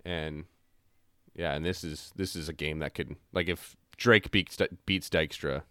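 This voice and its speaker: Excitable young man with a bright voice. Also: rumbling low, a little slow, clean tone, no room sound, clean studio sound. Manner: animated, trails off and restarts, gets loud when excited. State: slightly hoarse from yelling. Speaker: podcast host. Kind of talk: casual fantasy football chat.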